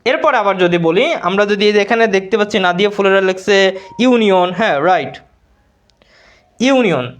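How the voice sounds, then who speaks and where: A man's voice: sits high, expressive, a little fast. A man with a Bangladeshi Bengali accent teaching English grammar in a live online class, repeating words and answering his own questions.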